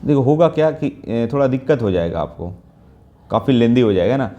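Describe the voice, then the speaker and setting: A man's voice: mid-range voice, lively intonation, brisk, dark tone, lo-fi sound. A man teaching trigonometry in Hindi, explaining step by step and often checking in with the students, mixing in English math terms. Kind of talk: Hindi math lesson with whiteboard.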